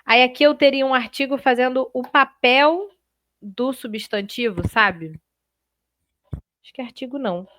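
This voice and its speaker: A woman's voice: high-pitched, measured pace, long pauses. Chatty woman teaching a live class. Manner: lively, chatty, talks straight to students with frequent "né?" and "ó". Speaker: Portuguese teacher. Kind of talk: live online exam-prep class.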